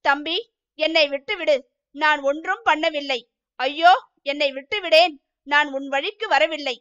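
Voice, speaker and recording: A woman's voice: high voice, fairly even intonation, measured pace, fairly bright tone, muffled recording. A woman voicing a boastful older male temple clerk who begs and sobs for his life, in a storybook reading. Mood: pleading. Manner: pleading, sobbing.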